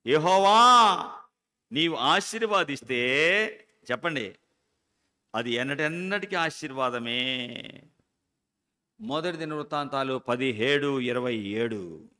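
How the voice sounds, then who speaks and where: A middle-aged man preaching a sermon as pastor, with sudden loud outbursts and slow, stressed repetitions. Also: fairly high pitch, animated. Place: church hall. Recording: long church hall reverb.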